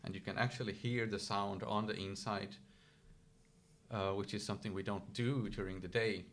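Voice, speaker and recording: A yoga expert from Finland, a Swedish-speaking Finn, appears as a guest and explains ideas step by step in casual conversation, thoughtful and making small restarts. His voice is fairly low, with fairly even intonation and a moderate pace.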